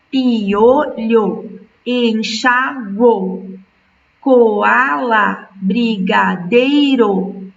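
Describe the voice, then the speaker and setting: A woman's voice: on the high side, creaky, far from the mic, dull audio, slight background noise. A woman teaching a school lesson, patiently stretching words out syllable by syllable. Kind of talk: recorded remote school lesson.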